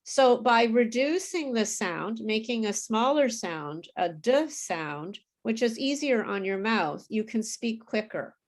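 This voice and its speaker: Brief: woman pronunciation teacher, friendly, slightly high voice, frequent check-ins. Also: expressive. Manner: friendly, explains slowly and checks understanding with okay. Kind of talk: live online group class.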